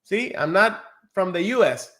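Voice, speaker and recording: A man from Cuba, teaching a live online nursing exam lesson in an earnest, encouraging way, slowing down to stress key words. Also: high voice, sing-song, fairly bright tone.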